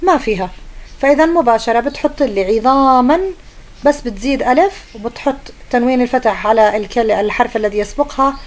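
A woman's voice: a little high, fairly quick. A young woman teacher, patiently explaining a grammar lesson to pupils and often checking that they follow.

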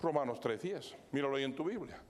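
A man's voice: expressive, quick pace, slight background noise. A man pastor preaching a sermon in church, swinging his voice up and down, slipping in English fillers like "so" and "all right". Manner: preaching with sweeping rises and drops in pitch; mixes English fillers into Spanish. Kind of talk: sermon with live illustrations. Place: church sanctuary.

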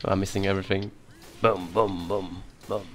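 A man's voice: deep voice, little pitch movement, normal speed, soft background music. A man hosting a casual co-op gaming session, joking and laughing often. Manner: giggly, jokey, laughs often. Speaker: let's play host.

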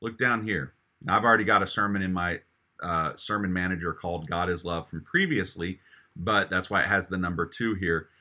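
Bright-voiced man walking through software. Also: deep voice, a little fast. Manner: enthusiastic, explanatory, with ums and restarts. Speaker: pastor giving a software tutorial. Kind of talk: screen-recorded software walkthrough.

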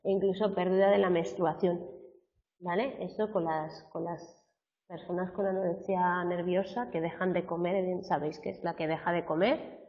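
Spanish teacher lady lecturing, kinda low voice, echoey room, dull muffled recording from far off. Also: steady tone, moderate pace. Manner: chatty, peppers sentences with "¿vale?" tags. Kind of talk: classroom lecture. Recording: roomy classroom, far from a dull mic.

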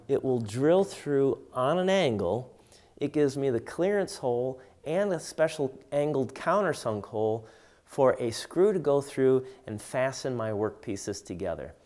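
A man in his forties walks through his favorite workshop tools, talking at an unhurried pace. His voice sits at an ordinary middle pitch, and he explains each tool plainly and steadily as he demonstrates it. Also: darkish tone. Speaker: woodworking instructor. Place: home woodworking shop, indoors.

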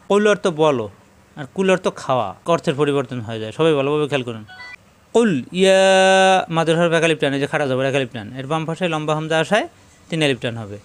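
Man teaching recitation, smooth voice. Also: a little high. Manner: explains slowly, then recites verses in a drawn-out chant. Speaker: Quran teacher. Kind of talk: recitation lesson.

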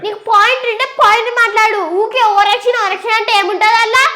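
Kid arguing fast, high bright voice, echoey room. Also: steady tone. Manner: quick and indignant, protests a lot. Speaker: child contestant in a staged reality-show skit. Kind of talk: playful argument.

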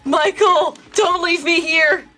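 High woman through a voice changer. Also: fairly even intonation, slow pace, pushed and bright, soft background music. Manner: giggly, joking, lots of filler words. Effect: voice changer with a slight delay. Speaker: streamer. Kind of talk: casual stream chat.

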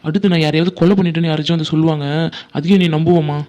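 A man's voice: fairly high pitch, fairly even intonation, rapid-fire, warm tone, muffled recording, close to an everyday voice. A man voicing a hurt young son who bitterly complains that his mother never believes him, in a homemade cartoon. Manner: bitter and exasperated.

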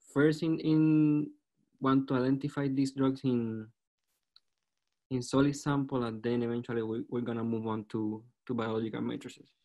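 A man in his twenties with a Puerto Rican accent, giving an academic presentation as a student researcher in a halting way, repeating words. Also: medium pitch, mellow. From Puerto Rico. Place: online video call.

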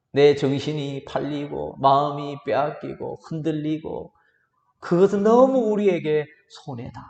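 A male pastor delivers a Sunday sermon, his pitch swinging widely as he asks rhetorical questions of the congregation. The sanctuary adds a roomy, long-tailed reverb to every phrase. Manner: preaching with lively rises and rhetorical questions. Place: church sanctuary. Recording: roomy church hall reverb.

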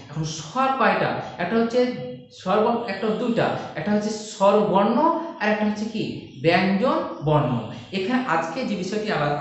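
A man's voice: high-pitched, highs cut off. A male teacher giving an online lesson at a board, explaining step by step and asking rhetorical questions. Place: classroom with a board. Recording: echoey room, far from the mic.

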